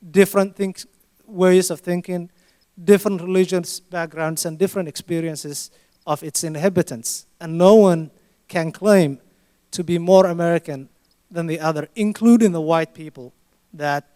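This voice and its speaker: A man with a high, smooth and resonant voice answers a question at a conference panel. He speaks in a measured, emphatic way and builds to firm points. The sound is dry and close. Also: darkish tone, dry recording.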